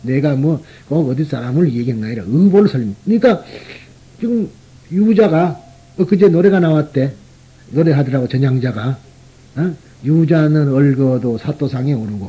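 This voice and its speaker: A man's voice: a little high, husky, dull audio. A Buddhist monk from the region, preaching in a conversational way and often tossing rhetorical questions at his listeners. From Gyeongsang region, Korea. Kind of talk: sermon.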